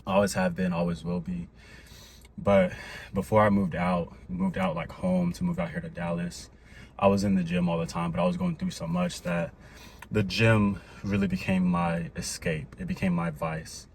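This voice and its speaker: Breathless young man vlogging, low voice. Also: level tone, moderate pace, a little hiss or hum. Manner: upbeat, rambling, faith-filled talk with fillers. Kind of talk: casual vlog talk. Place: Dallas, Texas.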